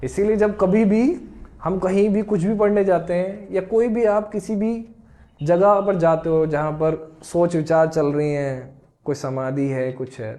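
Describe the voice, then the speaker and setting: A high-pitched man gives a motivational classroom talk to exam students. He talks in a lively way, keeps asking the class questions and acts out their excuses in quick little voices. His delivery swings between punchy and soft. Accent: Hindi-speaking North Indian. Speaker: nursing exam teacher.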